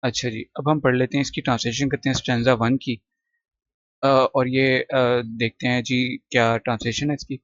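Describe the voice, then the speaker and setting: A male teacher walks through a vocabulary list, repeating each word patiently and drilling its pronunciation. The sound is dry and a little dull, as if recorded close on a simple mic. His pitch sits in a middle range. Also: flat delivery, moderate pace, no echo. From Pakistan. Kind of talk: classroom lesson explaining vocabulary.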